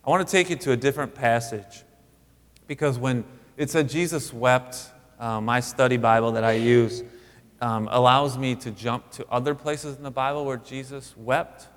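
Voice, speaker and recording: A male pastor preaches in a loose, conversational way, his voice in the middle of the range. He often jumps higher to stress a point. His words ring out with a long reverb, as in a church sanctuary. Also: moderate pace. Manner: conversational, animated, rising emphatic asides. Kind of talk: sermon.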